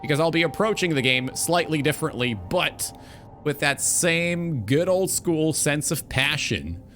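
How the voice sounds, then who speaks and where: Background music plays as a twenty-something streamer and talk show host delivers a casual livestream rant about video games. His voice sits on the high side, animated and fairly bright, a little slow, and he rambles emphatically with some swearing.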